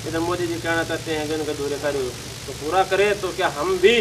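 This interview guest, a male contest organiser, explains things haltingly and keeps correcting himself as someone holds a handheld news mic up to him. He sits outside before a row of banners, with noisy surroundings and a vehicle idling nearby.

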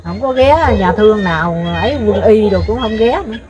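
A woman's voice: medium pitch, fairly quick, crowd noise. An older woman with a Mekong Delta accent, telling her story in an interview in a rambling way, full of fillers and repeats. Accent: Southern Vietnamese, Mekong Delta. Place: rural home by a river.

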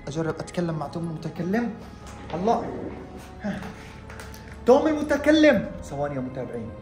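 A man narrating a horror prank vlog at home, excitable and acting scared as he talks to his viewers. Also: high-pitched, roomy sound. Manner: excitable, feigning fear, addresses viewers. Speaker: vlogger. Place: room at home.

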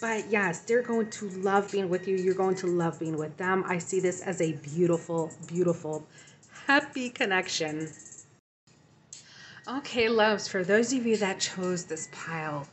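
Woman giving a gentle tarot reading. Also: on the low side, a little slow, soft background music. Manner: warm, reassuring, with frequent fillers and repeated phrases. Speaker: tarot reader. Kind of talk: intuitive tarot reading to viewers.

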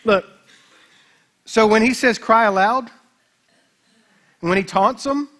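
A pastor with a high, ringing voice gives a sermon, retelling the scripture story as an animated, joking storyteller. He speaks a little slowly, keeps his tone bright and forward, and throws playful asides to the congregation.

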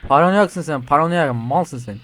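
Brief: male streamer, slightly high voice, crude and excitable, given to yelling when startled. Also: normal speed, slight background noise. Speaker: gaming streamer. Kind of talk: swearing playthrough commentary.

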